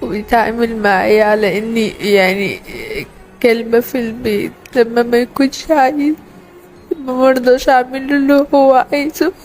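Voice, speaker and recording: A young woman with an Egyptian accent telling her own story in a halting, distressed way, often repeating herself. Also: a little high, steady tone, a little mellow, faint music behind. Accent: Egyptian Arabic. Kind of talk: personal confession.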